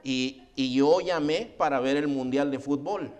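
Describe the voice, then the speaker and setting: A middle-aged man preaching a sermon as pastor, animated and often calling listeners "hermano". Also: measured pace, a faint crowd. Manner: acts out quoted voices with rising pitch.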